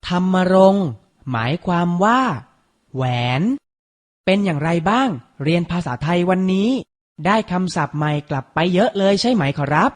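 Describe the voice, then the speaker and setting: A man hosting a children's reading lesson. He narrates a storybook tale and drills vocabulary with slow, deliberate, crisp enunciation and old-fashioned courtly politeness. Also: high-pitched, lively intonation.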